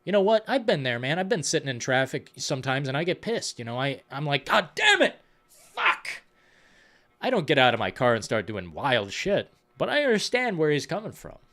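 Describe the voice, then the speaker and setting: Stream host, male, loose and profane, lively swooping delivery, casual film talk. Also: medium pitch, fairly quick, few pauses. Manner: rambling, profane, excitable.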